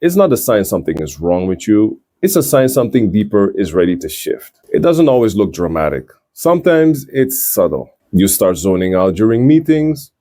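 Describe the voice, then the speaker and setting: A middle-aged man delivering a reflective scripted monologue in a measured, earnest manner, in short phrases with pauses. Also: sits low, dark tone, no room sound, studio quality. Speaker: host.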